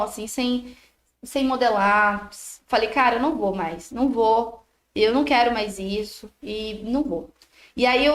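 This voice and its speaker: A young Brazilian woman who runs a craft studio, telling a personal story in a chatty, expressive vlog. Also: a little high, echoey room. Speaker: biscuit artisan and course creator.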